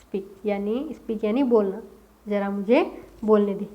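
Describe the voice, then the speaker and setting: Slow-speaking woman teaching English phrases. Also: medium pitch, highs cut off. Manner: repeats English sentences slowly word by word; asks questions to the class. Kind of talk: spoken English lesson.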